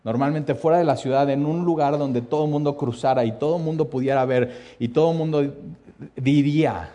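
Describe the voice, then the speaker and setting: Dramatic preacher, mellow voice. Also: male voice, on the high side, brisk. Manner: dramatic storytelling that swings from hushed to loud, with repeated lists. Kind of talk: sermon.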